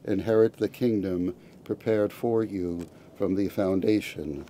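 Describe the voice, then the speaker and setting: A man, a priest, reciting committal prayers at a graveside in a measured, liturgical way. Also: low voice, fairly even intonation, dark tone, slight background noise.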